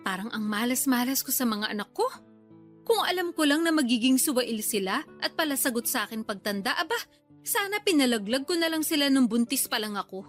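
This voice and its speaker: In a Filipino radio drama, a woman plays a hard-up, aggrieved middle-aged older sister and struggling mother of many children, complaining bitterly in a blunt, defensive way. Her voice is high-pitched with lively intonation and a fairly quick pace, and faint music plays behind her.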